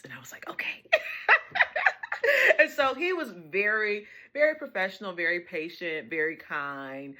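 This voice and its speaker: A woman's voice: low-pitched, sharp tone. A woman telling a casual vlog story about a shopping trip, chatty, laughing often and acting out the dialogue. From United States. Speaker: vlogger.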